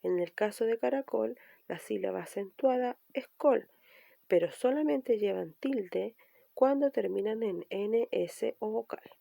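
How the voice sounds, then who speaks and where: A woman's voice: on the high side, a little slow, gravelly, mellow, dry recording. A woman teaching a recorded language lesson, patiently explaining and restating each point. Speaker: primary school teacher.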